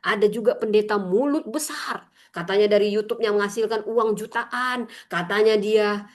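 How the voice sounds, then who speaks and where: A woman pastor preaching an expository sermon, emphatic, often calling out to her congregation and mocking critics in shrill put-on voices. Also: moderate pace. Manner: emphatic preaching, addresses congregation as brothers and sisters.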